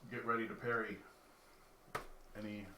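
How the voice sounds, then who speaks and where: A man playing a fighter at a tabletop game, talking in a halting, hesitant way. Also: fairly low pitch, level tone. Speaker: player. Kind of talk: casual play at the table. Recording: echoey room, mic far off, noise.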